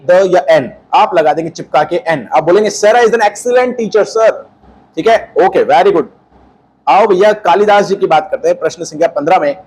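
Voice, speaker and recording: A man's voice: sits high, darkish tone, slight background noise, low-quality recording. A man with a Hindi accent teaching English grammar for an exam, asking questions and answering them himself. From India. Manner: drawn-out question and answer, repeats his own questions. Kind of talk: exam-prep lesson.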